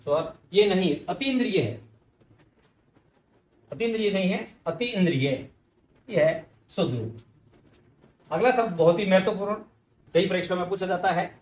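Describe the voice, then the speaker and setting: Man, teacher, fairly high voice, echoey room, patient, repeats words, asks and answers own questions. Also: darkish tone. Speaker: Hindi spelling teacher. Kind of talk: exam-prep lesson.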